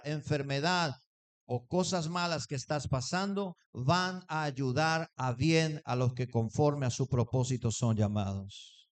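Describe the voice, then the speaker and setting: High-pitched guy preaching, tells his own story and does the back-and-forth lines. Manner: storytelling preacher, acts out dialogue. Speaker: pastor. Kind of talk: sermon.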